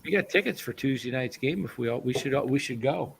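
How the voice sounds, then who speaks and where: A man's voice: medium pitch, animated, a little fast, creaky, slight background noise. A man around sixty, co-hosting a casual chat in an easygoing, agreeable way over a video call. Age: 60s. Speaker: co-host.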